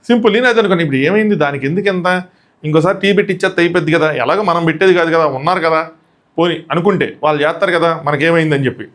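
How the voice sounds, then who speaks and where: Male commentator, quick chatty recap, drops lower for quoted lines. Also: a bit bright. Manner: rapid, chatty, opinionated. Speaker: show commentator.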